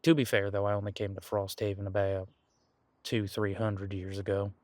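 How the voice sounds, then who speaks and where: Lightly acting, a man with a lowish voice and little pitch movement talks at a normal pace without echo. His character is a relaxed, musing demon detective, ancient and living by the coast, who rambles in a laid-back, folksy style through a conversational one-sided roleplay.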